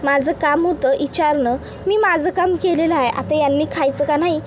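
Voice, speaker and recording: A woman's voice: sits high, moderate pace, slight background noise, natural voice. Krishna, a woman doing a blunt rustic village wife. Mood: scolding. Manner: blunt, chattering, loud.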